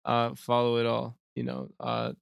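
A man's voice: mid-range voice, monotone, unhurried, vocal fry, clear, resonant tone, no echo, clean studio sound. A man talking casually as a podcast guest, laid-back and full of fillers. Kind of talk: casual chat.

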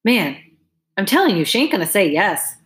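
A woman's voice: mid-range voice, big pitch swings, normal speed, a bit bright. A woman voicing a guarded, defiant teenage boy in an audiobook, answering curtly and defensively. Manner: curt, defensive, street-talking. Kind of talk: audiobook character voice.

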